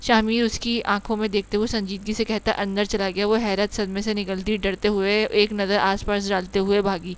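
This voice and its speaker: Smooth, even-voiced woman narrator. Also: mid-range voice, hardly any pauses. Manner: steady, even reading. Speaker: audio novel narrator. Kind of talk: scripted narration of a romance audio novel.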